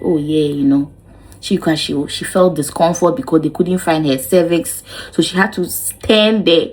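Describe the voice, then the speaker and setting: A woman's voice: lowish voice, rough recording. A young woman telling her own story to camera, dramatic and exclaiming, acting out what each person said. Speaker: vlogger.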